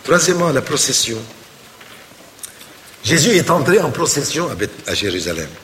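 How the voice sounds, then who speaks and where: A man, a priest, preaching a sermon with animated storytelling. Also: mid-range voice, moderate pace, roomy sound, long reverb tail, slight background noise.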